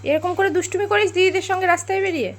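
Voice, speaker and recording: High-voiced mother coaxing a toddler. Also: very fast. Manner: gentle coaxing, mildly scolding. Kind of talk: home vlog, talking to a small child.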